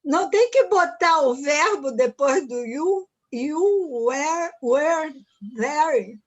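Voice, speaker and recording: High-voiced Brazilian student. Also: female voice, animated, takes it slowly, highs cut off. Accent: Brazilian Portuguese.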